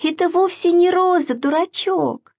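A woman's voice: unhurried, gravelly, no echo, clean studio sound, exaggerated voice. A woman doing a bossy, teasing little girl. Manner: high, excited, calls out.

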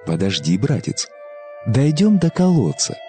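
A man plays a young fairy-tale sister, tender and sorrowful. The lines swing expressively in pitch, with music underneath. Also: big pitch swings, a little slow, dark tone. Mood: cautioning. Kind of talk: fairy-tale character acting.

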